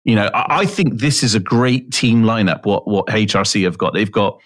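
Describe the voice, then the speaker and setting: A man co-hosting a podcast, chatting casually with quick, easygoing reactions. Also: on the low side. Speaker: podcast co-host. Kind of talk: casual chat.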